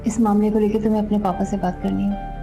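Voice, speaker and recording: An actress as a grave, gentle Pakistani mother. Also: medium pitch, level tone, quick pace, natural voice. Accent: Pakistani Urdu. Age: middle-aged. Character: gentle, grave middle-aged mother advising her children. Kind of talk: TV drama acting. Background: background music.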